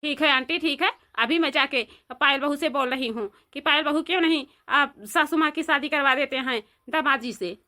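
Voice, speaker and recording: A bright, high cartoon village woman with an Awadhi lilt who pokes into everyone's business and coaxes people along, as a woman puts her on. She keeps asking questions. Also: normal speed, few pauses. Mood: coaxing. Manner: questioning, coaxing. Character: curious, meddling young village woman.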